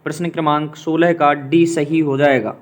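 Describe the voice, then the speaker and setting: A man teaches exam spelling, his voice fairly high and held to a narrow, even pitch. He works through questions steadily and repeats each point as a quick question he answers himself. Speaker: exam-prep Hindi teacher. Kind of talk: classroom-style explanation of quiz answers.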